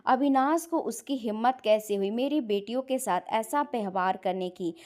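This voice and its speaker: A woman voicing an angry middle-aged mother who shouts and scolds her son in a family story. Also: on the high side, normal speed, close to an everyday voice. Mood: angry scolding.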